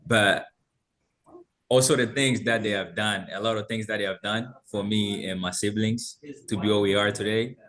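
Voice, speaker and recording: A young man from Tanzania, an intern, earnestly telling a personal story on a webinar over a video call, halting with fillers. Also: on the low side, fairly even intonation, a bit bright. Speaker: intern, panel guest.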